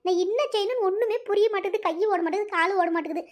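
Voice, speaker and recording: Brief: a woman as a shrill, fast-talking, complaining cartoon mother. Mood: distraught. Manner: wailing, complaining. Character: distressed village mother and neighbour women.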